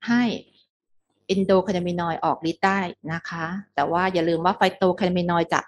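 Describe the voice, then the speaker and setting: Woman giving a medical lecture, lowish voice. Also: little pitch movement, normal speed. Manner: explanatory, mixes English medical terms, frequent polite particles.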